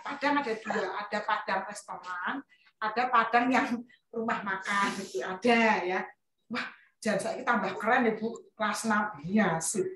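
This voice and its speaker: A woman teacher leads a primary school lesson, playful and chatty, throwing teasing asides to her pupils. Her voice sits fairly high. She is picked up from across an echoey classroom over a faint hiss. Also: fairly bright tone. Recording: echoey room from far off, faint noise.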